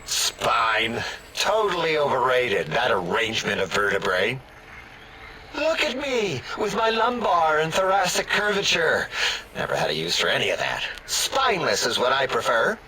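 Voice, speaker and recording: A man's voice: mid-range voice, huge pitch swings, normal speed, pushed and bright, slight background noise, poor audio. An actor voicing a rambling, scatterbrained male scientist in a video game, full of hesitant asides. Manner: meandering, hesitant, with sarcastic asides.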